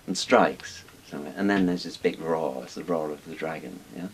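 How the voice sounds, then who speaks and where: Interviewed about Chinese dragons as an expert, an older Welshman gives casual, meandering explanations in a bass voice at normal speed. The setting is a small book-lined room, and the recording has background hiss.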